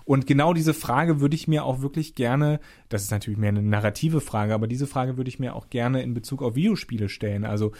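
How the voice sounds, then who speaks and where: A man co-hosting a podcast, speaking in a thoughtful, measured way with hesitant fillers. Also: medium pitch, darkish tone. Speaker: podcast co-host. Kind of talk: casual discussion.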